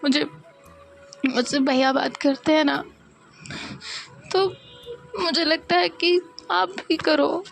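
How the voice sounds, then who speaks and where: A woman voicing a gentle young daughter who pleads through tears, her voice choked and pleading. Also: high voice, slow, creaky, pauses often, faint music behind, pitched above the performer's own voice, heavily acted. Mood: tearful pleading.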